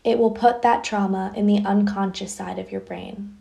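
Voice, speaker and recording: A woman's voice: mid-range voice, fairly even intonation, normal speed, vocal fry, warm tone. A young woman hosting a podcast, telling a candid personal story in a chatty way full of fillers. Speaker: podcast host.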